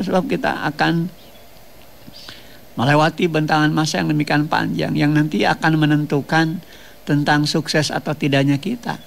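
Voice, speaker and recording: Male radio preacher, gravelly mid-range voice, steady teaching delivery. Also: medium pitch. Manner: measured, explanatory, repeats phrases with tag questions. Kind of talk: radio sermon. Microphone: radio studio microphone.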